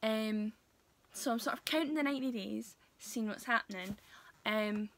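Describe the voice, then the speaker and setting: A young woman talking casually to her viewers in a vlog, hesitant and full of pauses and fillers. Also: fairly high pitch, fairly bright tone, a little hiss or hum. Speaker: vlogger. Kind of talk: casual vlog talk to camera.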